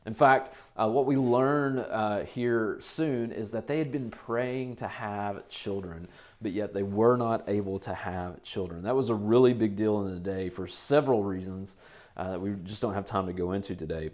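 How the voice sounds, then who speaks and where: A man's voice: fairly low pitch, moderate pace, darkish tone. A man, preaching a conversational sermon to his congregation and to viewers online. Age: 40s. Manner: conversational, repeats phrases for emphasis. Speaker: pastor. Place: church.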